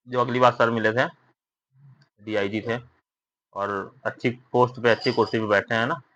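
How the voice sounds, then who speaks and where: This is a young man vlogging about recruitment, speaking casually and regularly checking for agreement with tag questions. His voice sits at medium pitch and is a bit bright, with no room sound, though the recording is dull and lo-fi.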